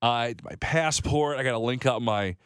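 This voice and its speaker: A man in his thirties co-hosting a morning show, telling rambling, animated stories with a slight cold. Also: medium pitch, normal speed, clean tone, no echo, clean studio sound. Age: 30s. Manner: rambling, animated storytelling with restarts. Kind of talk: casual radio chat.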